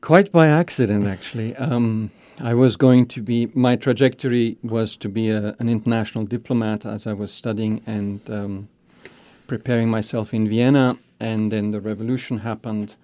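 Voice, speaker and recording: Low gravelly older man from Austria. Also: warm tone, no echo. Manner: thoughtful, measured, with frequent ums. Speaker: guest, college program director. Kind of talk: radio interview.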